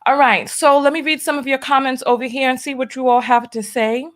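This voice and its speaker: Doing her makeup on a casual livestream, a New York woman with a lightly masked accent reads viewer donations aloud and chats with wry asides. Her voice is high-pitched, steady and fairly bright, and she talks a little fast.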